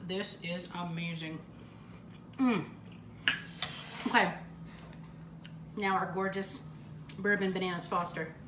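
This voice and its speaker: A woman's voice: lowish voice, steady tone, slow, pauses often, background noise. Woman host gushing over food in her kitchen, roomy sound, pots and pans clanking. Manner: gushing, enthusiastic food descriptions. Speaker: cooking show host. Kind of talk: casual cooking demo. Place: home kitchen.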